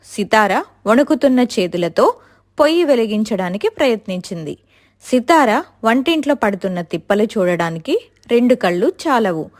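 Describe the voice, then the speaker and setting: A woman telling a family story in steady, expressive scripted narration. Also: a little high.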